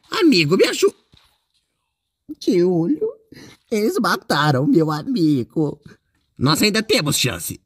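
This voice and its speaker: Mischievous male ink demon, played by a fan performer, gravelly and husky, wildly swooping pitch. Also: dry recording, heavily acted. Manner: playful, boastful, exclaims often. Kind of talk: in-character gaming commentary.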